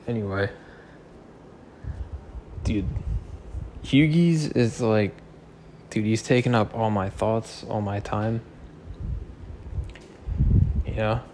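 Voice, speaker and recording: Man, thirties, tipsy, rambling, swearing, jokey, lowish voice, faint hiss. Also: slow pace, long pauses, darkish tone. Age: 30s. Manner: loose, joking, swearing, slightly slurred. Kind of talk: rambling casual monologue.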